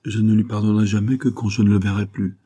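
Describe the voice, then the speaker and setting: A man's voice: fairly low pitch, little pitch movement, fast, dark tone, slightly rough. A man voicing a spirited, indignant young Venetian woman who speaks in a fiery, defiant way.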